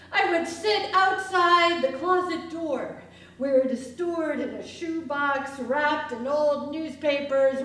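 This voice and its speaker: A woman's voice: extremely high pitch, pushed and bright, heavily acted. A woman actor playing an enraged, bitter woman, with fierce, repeating rhetorical lines in a stage monologue. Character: enraged grieving New Orleans woman, bitter. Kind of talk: theatrical monologue. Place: theater stage. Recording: echoey stage from a distant mic.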